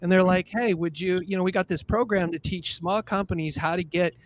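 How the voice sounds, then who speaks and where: A man in his fifties with a high-pitched, steady voice talks a little fast over slight hiss or hum. A business association president guesting on a podcast, he tells his story casually in an upbeat, self-deprecating style.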